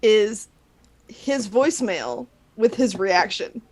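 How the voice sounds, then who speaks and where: A woman's voice: mid-range voice, big pitch swings, takes it slowly, a little mellow. A woman co-hosting a casual podcast, explaining things in a wry tone. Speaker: podcast co-host. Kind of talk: casual chat.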